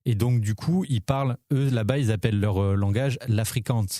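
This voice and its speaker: Warm-voiced man, eager film chat. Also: mid-range voice, normal speed, no echo, studio quality. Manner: enthusiastic, many fillers and restarts. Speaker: podcast co-host. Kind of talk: casual film podcast chat.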